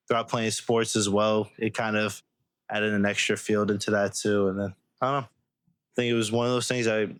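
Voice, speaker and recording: A young man with a lowish voice gives casual interview answers, loose and full of fillers. The sound is close and dry. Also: dry recording. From Massachusetts. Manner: relaxed, filler-heavy, rambling. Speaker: videographer.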